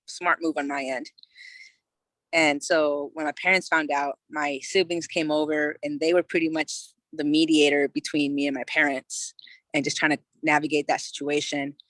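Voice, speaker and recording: A low-pitched, slightly bright voice with little pitch movement comes from a Californian woman in her thirties, speaking at a moderate pace with no echo. Guesting on a podcast, she shares her own story openly and loosely, heavy on "you know" and offhand cursing.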